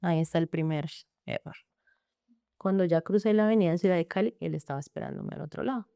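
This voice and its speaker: A low-voiced woman with a Colombian accent and a warm, gravelly, smooth tone tells her own story in an interview. She speaks earnestly in long run-on sentences and often quotes what others said. The recording is dry and close. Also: quick pace, no room sound. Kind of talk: emotional personal testimony in an interview.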